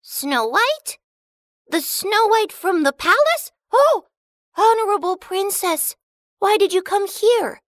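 A woman doing a squeaky sneezing dwarf. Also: sing-song, slow pace, long pauses, fairly bright tone, no room sound, clean studio sound, exaggerated voice. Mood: excited. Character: tiny sneezing excitable male dwarf.

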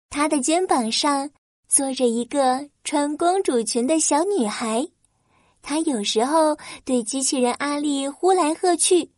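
A woman's voice: high-pitched, a little mellow, no echo, clean studio sound. A woman reading a scripted children's story as its narrator.

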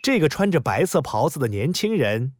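A man narrating a children's story in an expressive, explanatory way. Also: a little high, a little fast, noisy background.

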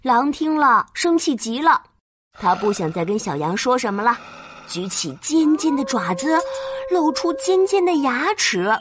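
A woman narrating a children's story as a mother, gentle, playful and expressive. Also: high-pitched, unhurried, slight background noise. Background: children's music.

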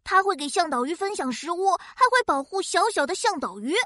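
A woman voicing an excitable, childlike host of a children's science cartoon, wide-eyed and exclaiming to her young audience. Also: extremely high pitch, a little fast, no room sound, clean studio sound, exaggerated voice. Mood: cheerful. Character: Qiqi, excitable childlike friendly kids' science show host.

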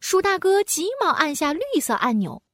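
A woman narrating a children's storybook in an animated, sing-song way, with playful sound words. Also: high-pitched, moderate pace, no room sound, clean studio sound.

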